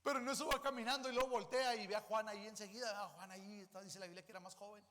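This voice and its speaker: A man with a Mexican Spanish accent preaching a sermon as a pastor, telling the story in an animated way with humorous asides and acted-out dialogue. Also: high-pitched, very fast. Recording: long church hall reverb.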